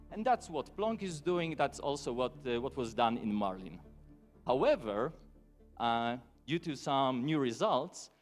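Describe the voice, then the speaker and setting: A man presents technical material at a conference with animated pitch movement. He hesitates now and then while keeping it brisk. The hall adds long reverb, and music is audible. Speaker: conference speaker.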